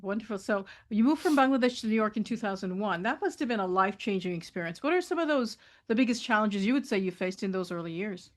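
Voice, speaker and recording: A woman hosts an interview program with a measured, polished delivery. She introduces her guest formally and asks follow-up questions. Her voice sits in a middle pitch for a woman. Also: expressive. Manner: polished introductions, frequent backchannel murmurs. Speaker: show host, interviewer. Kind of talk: interview hosting.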